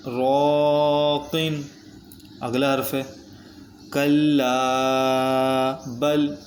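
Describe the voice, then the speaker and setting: A man teaching Quran recitation rules, explaining each rule patiently and step by step, repeating points so they stick. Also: medium pitch. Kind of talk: step-by-step tajweed lesson. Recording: echoey room with faint background noise.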